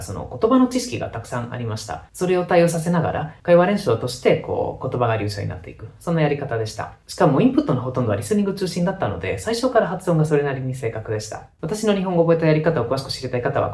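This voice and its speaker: A man talking through a casual vlog in Japanese, a language he learned as an adult, with chatty, lively explanations. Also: mid-range voice, echoey room. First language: not Japanese. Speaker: vlogger. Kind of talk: casual scripted vlog narration.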